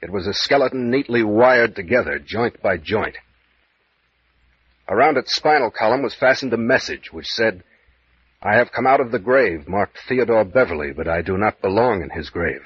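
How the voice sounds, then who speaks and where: A man playing a gruff, bossy, slangy private investigator captain in old-time radio mystery style. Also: lowish voice, expressive, normal speed, no room sound. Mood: grave, narrating. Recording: dull lo-fi vintage radio recording.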